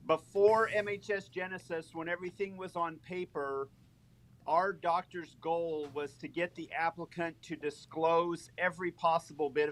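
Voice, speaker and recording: A man speaking over a phone line in a live panel discussion, loudly and close into the phone, explaining a process step by step as a military medical official. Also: a little high. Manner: explanatory, gives a brief history lesson.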